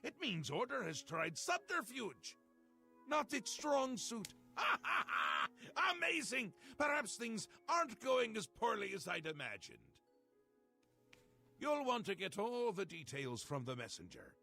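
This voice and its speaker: A man's voice: very animated, slow, gravelly, bright, forceful tone, soft background music, full character voice. A man playing a mad, theatrical ruler-god of madness in a fantasy game, flamboyant and mercurial, swinging between glee and menace. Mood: theatrical, excited. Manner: flamboyant, swinging from gleeful cries to low menace. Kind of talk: fantasy game character acting.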